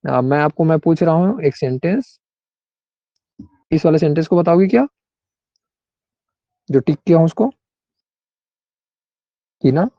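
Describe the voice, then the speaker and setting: A man's voice: fairly high pitch, animated, unhurried, pauses often, dark tone, no echo, muffled recording. A male English grammar teacher, explaining rules in an online class and often checking in with students by name.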